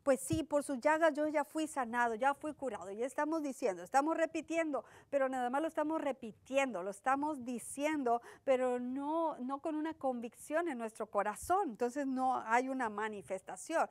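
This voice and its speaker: A woman's voice: high voice, moderate pace, hardly any pauses, a little mellow, no echo. A woman with a Mexican accent giving a conversational sermon, repeating her phrases and often asking "¿verdad?". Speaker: preacher.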